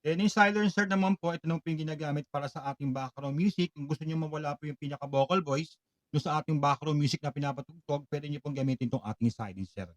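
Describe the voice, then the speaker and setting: A man giving a product walkthrough tutorial, polite and explanatory, pausing now and then on fillers. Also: fairly high pitch, dry recording. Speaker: product demonstrator.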